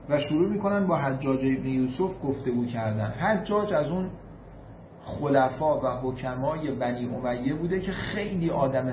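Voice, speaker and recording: Man from iran preaching, reads arabic lines then explains, echoey room, light background hum. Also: on the high side. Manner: recites classical Arabic quotations then translates them; emphatic, repeats figures for weight. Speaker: religious lecturer. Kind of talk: storytelling sermon. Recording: roomy, slightly dull recording.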